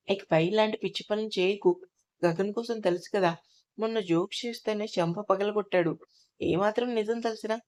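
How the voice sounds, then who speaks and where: A woman's voice: mid-range voice, a little mellow. Woman reading a Telugu audio story. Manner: voices every character herself, with small shifts. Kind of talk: scripted audio story narration.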